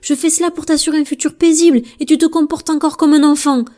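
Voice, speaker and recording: A woman voicing a stern queen mother who gives orders in sharp, loud outbursts, in a storybook reading. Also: sits high, steady tone, fast talker, pitched above the performer's own voice, lightly acted. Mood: exasperated.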